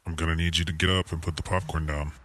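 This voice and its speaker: Man acting a very deep menacing gunman. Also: little pitch movement, quick pace, a bit bright, no room sound. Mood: calm menace. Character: menacing mysterious gunman, slow and controlled. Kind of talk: audio drama acting.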